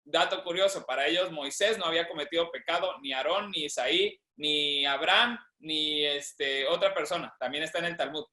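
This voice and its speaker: A man's voice: fairly high pitch, moderate pace, hardly any pauses, pushed and bright, roomy sound. A man, a seminar participant energetically retelling a Bible passage, often using the filler "este".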